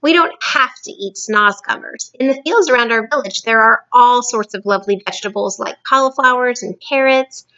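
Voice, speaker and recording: A woman's voice: on the high side, moderate pace, hardly any pauses, sharp tone, dull audio, voice pushed up. A woman voicing a polite, sensible little girl in a storybook reading. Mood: earnest.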